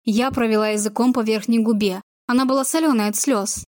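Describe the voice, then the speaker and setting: A woman's voice: fairly high pitch, steady tone, brisk, a little mellow, no echo. A woman reading a first-person novel as an audiobook, emotional and intimate, on a close mic. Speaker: audiobook narrator.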